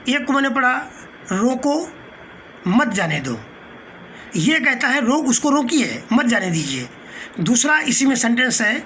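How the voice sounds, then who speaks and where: A man's voice: very high voice, sharp tone. Male teacher, patient lecturing tone, stops on fillers, glosses terms, faint hiss. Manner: patient and explanatory, glossing Hindi terms with English words; pauses mid-phrase with short fillers. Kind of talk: spoken lecture.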